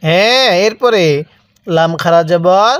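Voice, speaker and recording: A man's voice: high-pitched, fairly bright tone, clean tone, dry recording, studio quality. A man teaching Quran reading step by step, stretching out each syllable and prompting the learner to repeat after him. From Bangladesh. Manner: drawn-out slow syllables, repeats and prompts learner to read along. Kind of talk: step-by-step recitation lesson.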